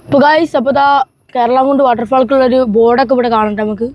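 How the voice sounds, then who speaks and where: A woman's voice: fairly high pitch, fairly even intonation, fast, darkish tone, no room sound. A woman with a Kerala Malayali accent chatting casually to viewers as a travel vlogger, mixing English words into her Malayalam and enthusiastically repeating pet phrases. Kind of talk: casual vlog chat to viewers.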